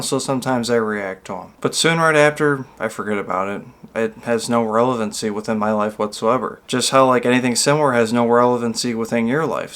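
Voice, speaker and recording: A man's voice: mid-range voice, fairly bright tone. A man with a small video channel giving an earnest, rambling motivational monologue, drawing out key words for emphasis.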